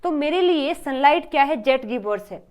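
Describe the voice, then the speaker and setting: Brief: woman teacher, high voice, mixes English terms into her explanations, repeats points. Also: animated, moderate pace, darkish tone. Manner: repeats points, asks questions then answers them. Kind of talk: exam-prep lecture.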